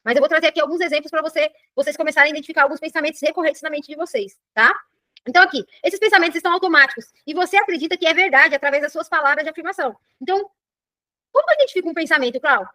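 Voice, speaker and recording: A middle-aged Brazilian woman coaching a class, talking very quickly in a high voice. She keeps checking in with her listeners, and her voice sounds dry and close. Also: dry recording. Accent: Brazilian Portuguese. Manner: animated, keeps checking in with "entendeu?". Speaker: personal development coach. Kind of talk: live online class talk.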